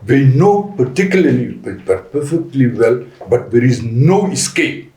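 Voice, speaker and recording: Deliberate man, roomy echo. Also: mid-range voice, big pitch swings, dark tone. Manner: deliberate with frequent restarts and fillers. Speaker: panel guest. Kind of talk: podcast panel discussion. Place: conference venue.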